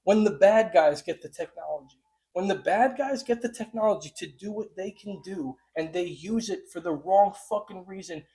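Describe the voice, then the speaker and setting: A man's voice: high voice, a little mellow, poor audio. A man hosting a podcast in a casual, rambling way, ranting and swearing freely. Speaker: podcast host.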